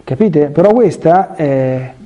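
Colloquial priest with a mellow voice. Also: male voice, a little high, slow pace, lo-fi sound. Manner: colloquial, lively, reads scripture aloud with asides. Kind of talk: catechesis sermon.

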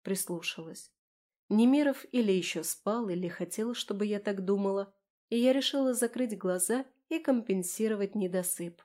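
A woman narrating a first-person audiobook in a wry, expressive way. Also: medium pitch, normal speed.

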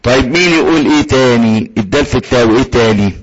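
A man with an Egyptian accent teaching Quran recitation, slowly sounding out letters and having students repeat after him. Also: medium pitch, muffled recording. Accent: Egyptian Arabic. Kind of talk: tajweed lesson with call-and-repeat drills.

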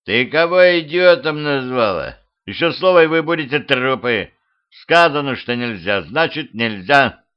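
A surly gate guard, as a man puts him on barks out blunt, gruff lines. The recording is muffled and lo-fi, like a home-made audiobook. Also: mid-range voice, expressive, measured pace, pitched above the performer's own voice, natural voice. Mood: angry.

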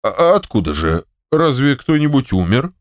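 A man's voice: medium pitch, sing-song, moderate pace, pitched above the performer's own voice, close to an everyday voice. A man reading a story, voicing a grumbling, hot-tempered retired general who blusters and exclaims. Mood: blustering.

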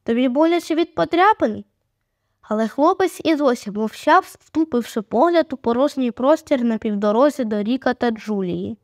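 High-voiced woman reading a story. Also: moderate pace, hardly any pauses, dry recording, clean studio sound. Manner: steady storytelling. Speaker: audiobook narrator. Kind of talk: scripted narration.

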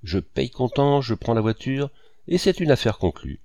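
A man reading as a boastful male painter, jovial, grandiose, animated delivery, dry sound. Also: medium pitch, moderate pace, no echo, pitched above the performer's own voice. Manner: grandiose, voluble.

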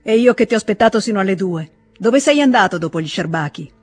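A jovial aristocrat pours out greetings and praise in a bright, exclamatory rush, voiced by a man reading the novel aloud. The voice sits fairly high and a little husky. The storybook reading stays close to the reader's own voice. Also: animated, quick pace, soft background music. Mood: cheerful greeting. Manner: effusive, exclamatory. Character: jovial, effusive aristocratic man, gregarious charmer.

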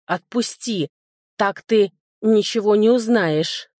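A woman voicing a sly male high lord and mage who answers in a mocking, evasive way. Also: takes it slowly, darkish tone, no echo, clean studio sound. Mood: defensive.

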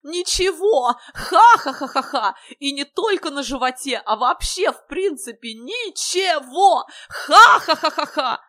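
Woman doing a shrill cackling oaf. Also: expressive, measured pace, few pauses, sharp tone, exaggerated voice. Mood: hysterical. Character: crude giggling young man, childish, loud.

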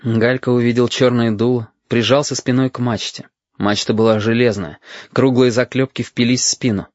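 A man reading audiobook narration in a measured storytelling manner. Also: medium pitch, little pitch movement, darkish tone, no room sound. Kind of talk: scripted narration. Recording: dull, dry audiobook recording.

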